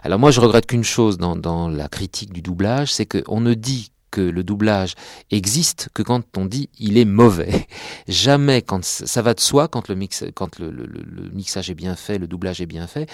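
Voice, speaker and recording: Dubbing actor being interviewed: gravelly, low, dry sound, earnest, searching for words. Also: male voice, normal speed, no room sound. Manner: earnest, hesitant, repeats words. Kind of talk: interview answers.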